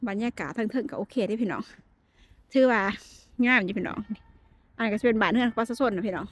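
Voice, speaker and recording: A travel vlogger from Laos or northeast Thailand, speaking with an Isan Lao accent, narrates a casual vlog from a castle wall outdoors in the rain. Her mid-range voice is quick and has no echo. She's friendly and chatty, calling her viewers brothers and sisters.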